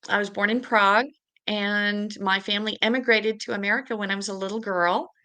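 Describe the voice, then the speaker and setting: Bright-voiced middle-aged woman guest. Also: mid-range voice, fairly even intonation, brisk. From Czech Republic. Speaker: guest, suicide prevention advocate. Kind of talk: podcast interview.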